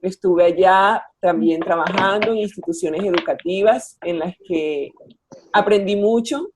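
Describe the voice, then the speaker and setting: A woman's voice: fairly low pitch, unhurried, noisy background. A woman in her forties from Colombia's Caribbean coast, speaking over a video call to schoolchildren in a friendly, explanatory way with frequent fillers. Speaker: children's author and educator. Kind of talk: virtual talk to schoolchildren.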